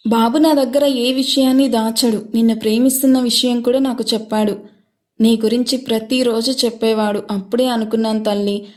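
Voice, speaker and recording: A woman voicing an elderly, motherly nanny who speaks gently and soothingly in a narrated story. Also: fairly high pitch, natural voice. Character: elderly woman, the family's warm old nanny.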